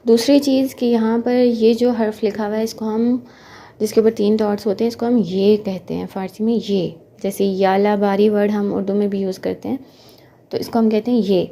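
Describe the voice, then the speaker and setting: A woman's voice: mid-range voice, flat delivery, a little fast, warm tone. A woman with an Urdu-speaking accent teaching an online language lesson, explaining sounds patiently step by step. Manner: patient, explains step by step, often checks with "theek hai".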